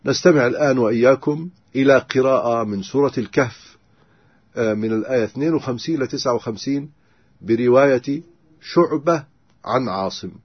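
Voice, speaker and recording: A man teaching the differences between Quran readings in a methodical lecture, pausing on filler sounds as he explains. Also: mid-range voice, breathy edge, no room sound, lo-fi sound.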